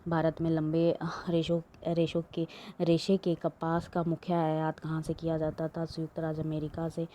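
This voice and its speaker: A woman's voice: deep voice, monotone, normal speed, dark tone, slight background noise. A woman teaching an exam-prep lesson, reading questions aloud and explaining them with many fillers and restarts.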